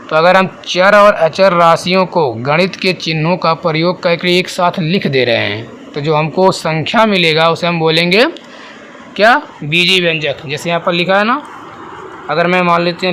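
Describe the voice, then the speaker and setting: A man teaching a math lesson, asking the class questions and answering them himself, and repeating definitions slowly. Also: high voice, fairly bright tone, a little hiss or hum.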